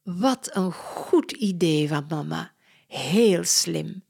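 A woman voicing an impatient girl who wants quiet to watch television, read slowly from a storybook. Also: on the low side, lively intonation, gravelly, slightly rough, exaggerated voice. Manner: impatient, sharp, exasperated. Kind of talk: slow storybook reading.

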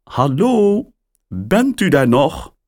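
A man voicing an older lady on the phone who keeps mishearing and turns cross, in a high, shrill voice. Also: huge pitch swings, extremely slow, a little mellow, full character voice. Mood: confused. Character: confused, short-tempered older lady on the phone.

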